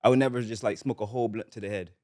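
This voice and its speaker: A man from Barbados, a reggae artist chatting as a guest in a relaxed, upbeat way. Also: on the low side, rapid-fire, dry recording, clean studio sound. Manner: laid-back, upbeat, full of slang and "yes, sir". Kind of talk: casual interview chat.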